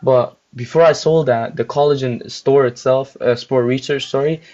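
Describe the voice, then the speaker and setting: A man's voice: mid-range voice, fairly even intonation, moderate pace, a little mellow. A young man chatting casually on a livestream as a guest store owner, rambling with lots of filler words while chewing gum. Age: young adult. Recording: muffled lo-fi audio.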